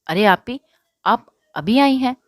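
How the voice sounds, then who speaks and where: A woman's voice: on the high side, animated, no room sound, studio quality, voice pushed up, lightly acted. A woman voicing a polite, slightly sorry young woman student in an audiobook reading.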